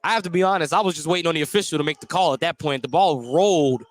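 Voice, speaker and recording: Talking very fast in a voice on the high side, a man does live basketball play-by-play for radio. He's conversational and likes joking asides between calls, recorded clearly amid the noise of a live gym broadcast.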